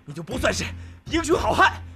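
A defiant young country lad. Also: male voice, extremely high pitch, very animated, fairly quick, faint music behind, full character voice. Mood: defiant shouting. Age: young adult. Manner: shouting, defiant. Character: defiant country youth, stubborn and proud. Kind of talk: TV drama dub. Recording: dialogue over loud score.

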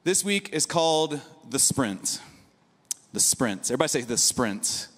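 A man in his thirties, a pastor preaching a sermon from a church stage into a handheld mic, talking in an energetic, conversational way with frequent asides. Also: medium pitch, a little slow. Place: large church auditorium stage. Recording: long hall reverb.

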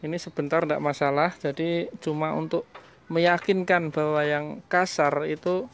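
A man's voice: fairly high pitch, little pitch movement, measured pace, background noise. A man, a mechanic explaining a diesel engine repair step by step in a workshop. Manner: explains step by step to viewers, switches to Javanese with the owner. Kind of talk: hands-on repair demonstration.

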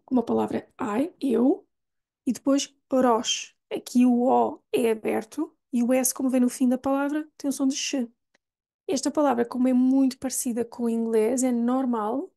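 Language teacher, woman, European Portuguese accent, somewhat high, slightly gravelly voice, slow clear demonstrations. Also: warm tone. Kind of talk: pronunciation lesson.

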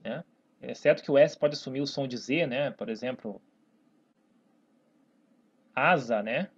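A husky, medium-pitched voice, speaking a little slowly, comes from a Portuguese teacher with a Brazilian accent teaching grammar at a whiteboard. They pull words apart syllable by syllable and keep checking in with "né?" and "tá, pessoal?". The recording sounds dull and lo-fi.

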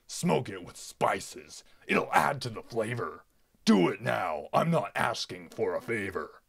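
A man voicing a greedy, gloating fat pig lord who barks orders in a deep, roaring boar voice. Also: big pitch swings, a little slow, gravelly, breathy edge, full character voice. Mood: gloating, commanding. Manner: bossy, commanding, gleeful.

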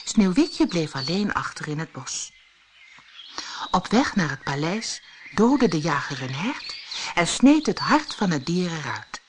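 A woman narrating a fairy tale in a lively, expressive storytelling manner. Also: on the low side, a little slow, background noise.

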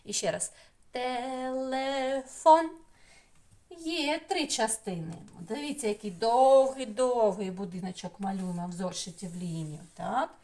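A woman's voice: medium pitch, expressive, moderate pace, few pauses, a little mellow. A middle-aged woman with a Ukrainian accent, giving a remote lesson to young children and stretching her words in a sing-song way. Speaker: preschool teacher.

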